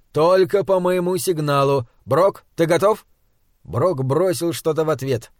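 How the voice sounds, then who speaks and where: Male audiobook narrator, slightly higher voice, steady dramatic delivery, dead-dry booth sound. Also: dry recording. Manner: measured, dramatic reading.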